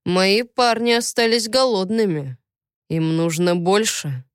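A woman voicing a cruel male admiral who speaks slowly and coldly. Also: mid-range voice, clear, resonant tone, no room sound, clean studio sound, natural voice.

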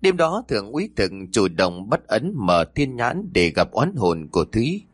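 A man narrating a ghost story in an expressive, dramatic way. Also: mid-range voice, normal speed, husky, no room sound.

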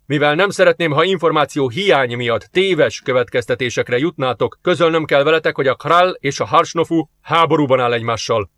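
A man's voice: on the high side, few pauses, fairly bright tone, no room sound, voice pushed up, close to an everyday voice. A man voicing a stern, hostile male alien warlord in an audiobook, talking in curt commands.

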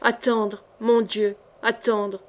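A woman's voice: fairly high pitch, little pitch movement, slow pace. A woman reader voicing a young woman who pleads fervently with a king. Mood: pleading.

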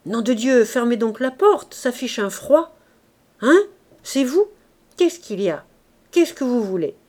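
A woman reading aloud, voicing an old drunken male undertaker's helper who speaks loudly and bluntly. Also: fairly high pitch, sing-song, unhurried, voice pushed up. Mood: grumpy.

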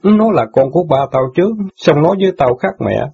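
Man doing a bitter young newspaper boy, husky gravelly voice, aggrieved outbursts, storybook drama. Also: on the high side, sing-song, a little fast, mellow, full character voice. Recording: dull lo-fi audio.

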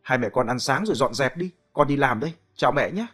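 A man playing a brisk, impatient businessman son. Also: mid-range voice, lively intonation, fairly bright tone. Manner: brisk, hurried.

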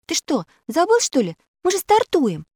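A clever young girl from a storybook questions people sharply and insistently, as a woman reader puts her on. Her voice sits high and bounces all over the place. The recording is dry and close. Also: huge pitch swings, moderate pace, a little mellow, dry recording. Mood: probing. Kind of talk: audiobook character voice.

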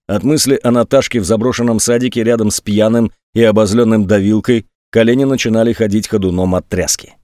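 A man narrating a tense literary audiobook in a measured storytelling voice. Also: lowish voice, fairly even intonation, a little mellow, no room sound, clean studio sound.

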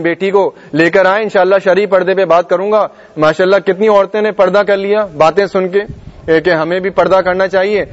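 A man from Pakistan, preaching an earnest, exhorting sermon in a mosque and laughing briefly now and then. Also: sits high. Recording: dull sound, long reverb.

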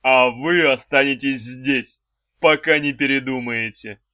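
A man voicing a genteel old male brain-eating shopkeeper, wheezy, slow and sugary-polite. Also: medium pitch, no echo, close to an everyday voice. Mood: unctuous. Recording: dull, slightly lo-fi dry recording.

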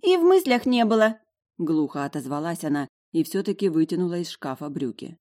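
A woman reading an audiobook, voicing a jumpy, eager young female roommate in a high, excitable voice. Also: brisk. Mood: flustered. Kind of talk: audiobook character voice.

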